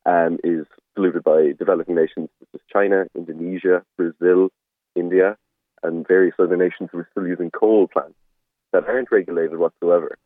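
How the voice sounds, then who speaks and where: A man with a deep voice speaks as a radio caller. He is polite and hesitant, often hedging, over a narrow, dry phone line. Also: fairly even intonation, a little fast, no room sound. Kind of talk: tentative spoken argument.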